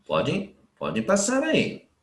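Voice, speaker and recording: A man gives a live online language lesson and works through each example slowly and patiently. His pitch rises and falls widely as he explains. The room around him is echoey. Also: wildly swooping pitch. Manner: patient, explains step by step and reads out student questions. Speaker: German teacher.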